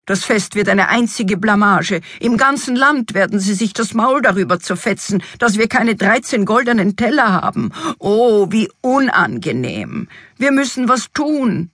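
A woman voicing an excitable, fussy fairy-tale king in a storybook reading, with an exuberant, exclamatory manner. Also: mid-range voice, measured pace, husky, no echo, clean studio sound.

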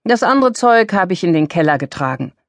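A woman reading a sharp, angry young mother. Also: lowish voice, very animated, a little fast, dry recording. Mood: curt. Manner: sharp and scolding.

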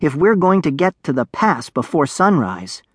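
A man's voice: fairly high pitch, sing-song, moderate pace, slightly rough, no echo, clean studio sound. A man voicing a kind-hearted boy who speaks in a raised, urgent voice.

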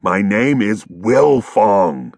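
A man playing a friendly storybook wolf who stutters and begs to be taken in. His voice is husky and dry, and it swings up and down as he pleads. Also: lowish voice, big pitch swings, extremely slow, darkish tone, no room sound, exaggerated voice. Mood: pleading.

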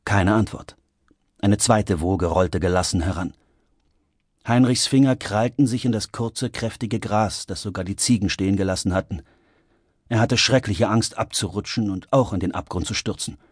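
A man narrating an audiobook in a vivid, expressive storytelling manner. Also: lowish voice, normal speed, slightly rough, dry recording. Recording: dry studio recording.

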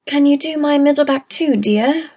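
A woman's voice: sits high, moderate pace, a little mellow, pitched above the performer's own voice, close to an everyday voice. A woman voicing a wealthy female guest who speaks in a slightly shaky, persuasive way. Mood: coaxing.

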